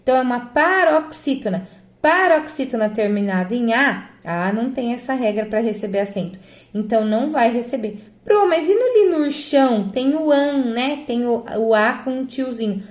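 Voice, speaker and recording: Woman teacher, high voice, echoey room. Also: moderate pace. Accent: Brazilian Portuguese. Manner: explains step by step, asks herself rhetorical questions. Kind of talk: grammar lesson correcting exercises.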